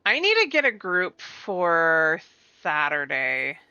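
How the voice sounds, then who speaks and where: A woman hosting a live game stream, chatting casually and reading game text aloud in an expressive way. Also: low-pitched, takes it slowly, clean tone, no room sound, muffled recording. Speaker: streamer and host. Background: game music.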